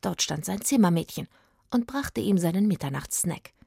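A woman reading a children's story aloud with lively expression. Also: lowish voice, moderate pace, creaky, breathy edge, dry recording, studio quality. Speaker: story reader.

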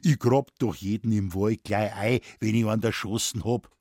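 A man voicing a gruff, deadpan old forest warden with a Bavarian accent, telling tall tales in dialect. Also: lowish voice, normal speed, no room sound, clean studio sound.

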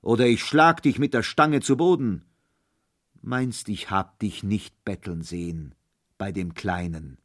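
A man voicing a giant, menacing forest spirit who talks loud and booming in a storybook reading. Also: lively intonation, slow. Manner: loud, booming, coaxing then threatening.

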